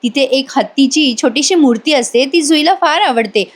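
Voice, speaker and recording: A woman tells a serial episode in a chatty voice-over recap. She strings the scenes together casually, with a fairly high pitch. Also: normal speed. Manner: chatty storytelling with tag words. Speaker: serial review narrator.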